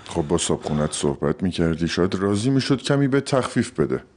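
A calm, level-headed therapist in a TV comedy. He speaks in a very low voice and asks pointed questions patiently. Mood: probing. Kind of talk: sitcom acting.

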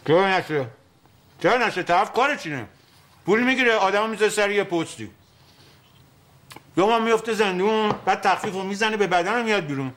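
A man's voice: high voice, long pauses, a bit bright. An actor playing a streetwise, scheming man who haggles and teases his brother in a sitcom. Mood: haggling, cocky. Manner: bargaining, teasing, bossy. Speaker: wheeling-dealing brother. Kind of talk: sitcom acting.

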